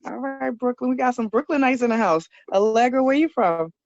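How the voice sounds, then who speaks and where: A woman's voice: fairly high pitch, expressive, fairly quick, a little mellow, no echo. Brief: woman coordinator, upbeat and casual, greets students over muffled call audio, dry. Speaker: program coordinator. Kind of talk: welcoming students on a video call. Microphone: video call.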